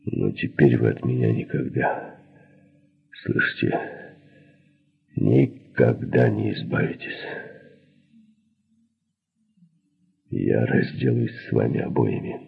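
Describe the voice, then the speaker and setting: A man reading aloud, voicing a drugged, unhinged male criminal who rambles and then mutters threats, in a husky voice. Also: medium pitch, huge pitch swings, measured pace, pitched above the performer's own voice, full character voice. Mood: low menace. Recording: narrow phone-like sound.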